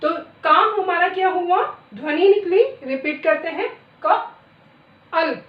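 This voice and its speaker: A middle-aged woman teaching a lesson, reciting letters one by one in a deliberate way. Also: extremely high pitch. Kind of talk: classroom lesson. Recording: echoey room, distant dull mic.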